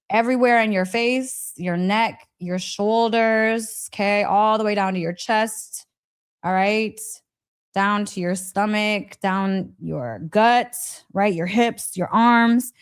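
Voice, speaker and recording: A woman acting as a live coach gives a casual, motivational wellness talk, conversational and emphatic, often checking in with listeners and breaking into laughter. Her mid-range voice has a clean tone.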